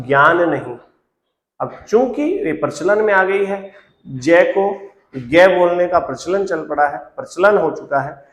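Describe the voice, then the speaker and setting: A man's voice: a little high, echoey room. A man teaching Hindi grammar in a lesson video, repeating key terms and quizzing his viewers with questions. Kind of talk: classroom-style lesson to camera.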